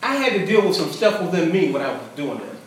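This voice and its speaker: A fast-talking, very animated middle-aged man with a slightly high voice delivers a conversational sermon, often repeating and restarting phrases. An echoey hall, a distant microphone and the congregation's presence shape the sound.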